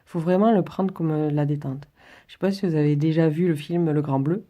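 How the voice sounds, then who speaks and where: A woman's voice: low-pitched, fairly even intonation, fairly quick, dark tone. A woman instructor giving an informal drawing and relaxation tutorial, demonstrating as she talks in a hesitant, stop-and-start way. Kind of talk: informal spoken tutorial, demonstrating while talking.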